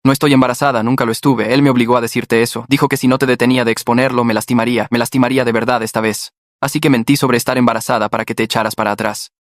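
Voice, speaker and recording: Un hombre que da voz a una joven asustada y llorosa que suplica, con acento mexicano. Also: male voice, medium pitch, level tone, racing, dry recording, studio quality, close to an everyday voice. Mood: frightened pleading. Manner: pleading, tearful. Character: frightened young woman, the narrator's girlfriend.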